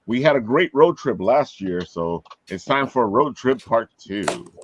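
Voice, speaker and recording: A man's voice: medium pitch, expressive, a little slow, background noise. A man with a Brooklyn accent hosting a show in casual, chatty talk. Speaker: host of a comics and convention talk show. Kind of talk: casual chat.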